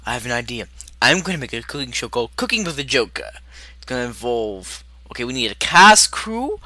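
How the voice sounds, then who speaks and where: A woman's voice: very deep voice, sharp tone, no room sound, exaggerated voice. A woman voicing a manic, giggling male villain clown, reacting to videos in character with crude, theatrical remarks.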